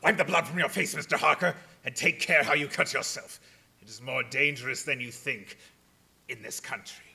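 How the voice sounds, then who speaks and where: A man playing a menacingly courteous vampire count in a radio drama, speaking theatrically with slow, deliberate, false politeness. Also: mid-range voice, steady tone, vocal fry, pushed and bright, husky, heavily acted. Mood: agitated, warning. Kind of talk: live radio drama acting.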